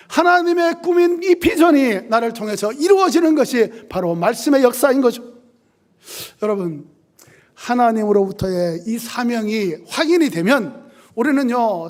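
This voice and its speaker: A male pastor preaching a sermon with emphasis, asking the congregation rhetorical questions and building up lists. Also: very high-pitched.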